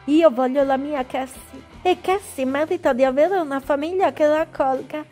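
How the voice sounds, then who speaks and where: A woman's voice: high-pitched, moderate pace, mellow, soft background music, natural voice. A woman voicing a cheerful fairy woman in love in a doll-play drama, speaking in a breezy, composed way.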